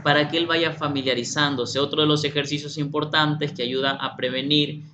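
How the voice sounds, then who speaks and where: A man's voice: fairly high pitch, fairly even intonation, normal speed. A middle-aged man presenting a workshop, often repeating himself and speaking directly to participants. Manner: repeats himself, addresses participants directly, acts out children's voices. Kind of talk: online workshop lecture. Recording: slightly muffled, faint background hum.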